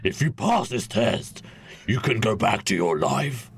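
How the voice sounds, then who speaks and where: A man playing Satan, a grand menacing devil who tests souls in hell, with drawn-out theatrical delivery in a comedic amateur radio play. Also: fairly low pitch, lively intonation, gravelly, husky, heavily acted. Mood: ominous, commanding.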